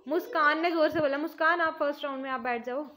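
A woman's voice: high voice, quick pace, sharp tone. A young woman, a tuition teacher giving playful, bossy instructions to her students in a casual vlog. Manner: bossy, playful, mixing Hindi and English.

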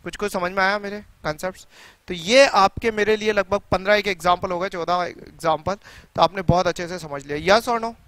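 High, bright-voiced middle-aged male teacher. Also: steady tone, brisk, no echo. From India. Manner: keeps quizzing students with rhetorical questions; repeats key points for emphasis. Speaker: chemistry teacher. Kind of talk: classroom lecture.

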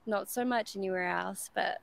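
Gravelly New woman. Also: medium pitch, normal speed, dry recording. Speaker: street interviewee. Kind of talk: casual street interview.

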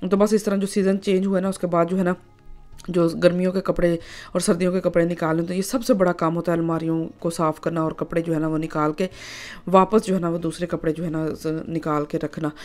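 A woman's voice: fairly low pitch, level tone, brisk, a little mellow, soft background music. A woman, narrating her home vlog in a chatty way, full of filler phrases. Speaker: vlogger.

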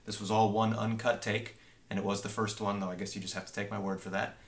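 Here a game developer in his twenties speaks quickly, his voice on the low side with little pitch movement. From a small home office with a desk and monitor, he casually shows off a demo. He explains in an easygoing way, full of filler words.

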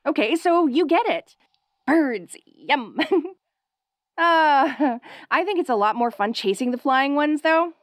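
Bubbly young wolf girl, female performer, audio role-play. High, very animated, perky, curious, playful and excitable. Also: takes it slowly, dry recording, studio quality. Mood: bubbly, chatty.

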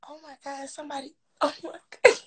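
A woman's voice: high voice, little pitch movement, fast talker. A young woman casually chatting and laughing with viewers on a phone live stream, teasing and playful. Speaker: livestream host.

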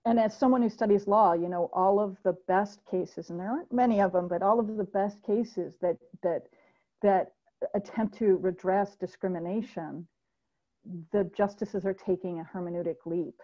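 A woman's voice: mid-range voice, steady tone, moderate pace, warm tone. A woman hosting a speaker series over a video call, talking in an engaged, discursive way. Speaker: host, political science professor. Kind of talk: moderating a video-call talk. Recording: muffled lo-fi video call audio.

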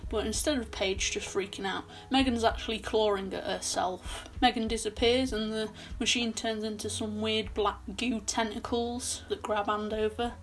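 A woman's voice: a little high, steady tone, moderate pace, hardly any pauses, slight background noise. A young woman recapping a horror film in a casual, chatty way with sarcastic asides, filmed in a small bedroom at her desk. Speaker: film reviewer.

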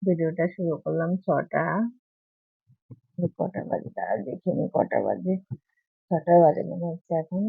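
A woman, hoarse from a cold, chatting in a rambling, repetitive way to her viewers in a casual morning vlog. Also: low voice, normal speed, pauses often, no room sound. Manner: rambling, repetitive, keeps asking viewers if they follow. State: hoarse from a cold and sore throat. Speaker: vlogger. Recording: tinny phone-like audio.

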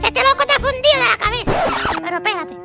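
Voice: extremely high pitch, animated, fast, creaky, exaggerated voice. A performer voicing a sulky, whiny boy who insists he is grown. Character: grumpy boy who says he is a man. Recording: loud music under the voice.

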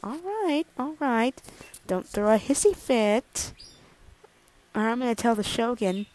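A woman's voice: fairly high pitch, animated, unhurried, noisy background. A woman voicing a smug, mocking young male rival in a fan audio drama. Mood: teasing. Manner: mocking, drawls "comrade".

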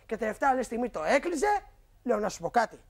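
A man's voice: extremely high pitch, very animated, creaky. A man guest on a television talk show, arguing combatively with his wife, swearing and interrupting. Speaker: guest in a couples dispute. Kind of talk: heated studio argument.

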